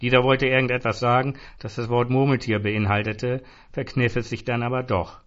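A man narrating a comic story in a dry, even manner. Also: mid-range voice, a little fast. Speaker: audiobook narrator. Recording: dull lo-fi recording.

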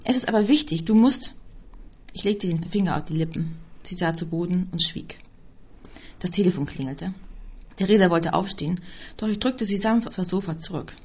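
A woman with a low, husky voice reads a first-person story in a steady, scripted manner. The recording sounds dull and lo-fi. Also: normal speed. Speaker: audiobook reader.

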